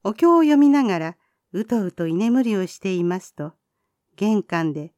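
A woman reads a children's folk tale aloud with a gentle, lively lilt. Her voice rises and falls a lot, and it is recorded close and dry. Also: mid-range voice, moderate pace, dry recording. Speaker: storyteller.

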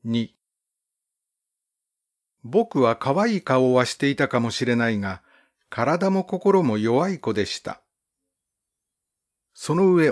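This is a man narrating an audiobook, telling a first-person tale in a calm, literary way suited to a storybook. He keeps a measured pace with gentle expression, his middle-pitched voice rising and dipping a lot from one phrase to the next so the reading sounds quite tuneful.

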